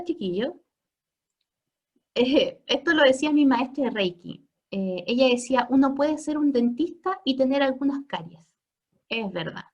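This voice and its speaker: A woman's voice: sits high, lo-fi sound. A middle-aged woman teaching an informal class, chatty, often checking in with listeners and laughing. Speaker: family constellations teacher. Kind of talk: informal online class lecture.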